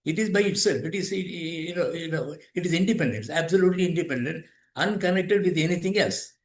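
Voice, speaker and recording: In an echoey room, an elderly guest in his eighties, a yoga teacher and author, discusses philosophy in conversation. He speaks on the high side and a little fast, pausing to think and often restarting and repeating himself.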